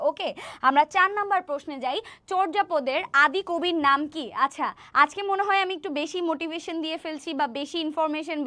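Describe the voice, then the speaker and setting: A high-pitched young woman, running an exam-prep lesson. She stretches out key terms and repeats each answer twice. She drops English words into her explanations and checks in with "right?" as she goes. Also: fairly bright tone. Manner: mixes in English words, asks students "right?"; encouraging, motivational asides. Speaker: admission test tutor. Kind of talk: online exam-prep class.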